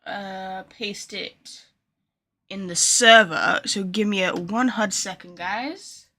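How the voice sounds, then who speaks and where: Here a woman streaming games talks slowly and chattily to her audience, wandering off topic and poking fun at herself. Her voice sits in the mid range and has a sharp tone.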